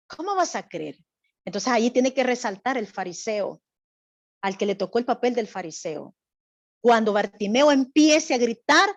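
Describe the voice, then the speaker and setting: A woman's voice: high-pitched, dry recording. A woman church teacher giving a Bible lesson and directing a drama, quizzing her group and often checking with "right?". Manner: asks the group questions, often adds "right?".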